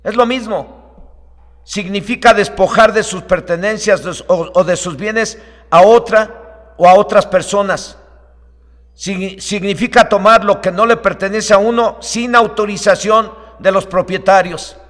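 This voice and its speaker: A high-voiced pastor delivers an online sermon, calm at times and fervent when he raises his voice. The room rings with a long reverb. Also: measured pace. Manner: starts calm, then fervent, raising his voice to preach.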